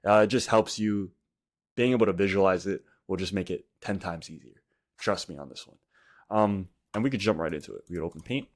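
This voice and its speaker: A young man with a fairly low voice runs a casual tutorial, speaking briskly with a slight lisp caused by his retainer. His talk is informal and full of slang, and he thinks out loud in short, broken phrases.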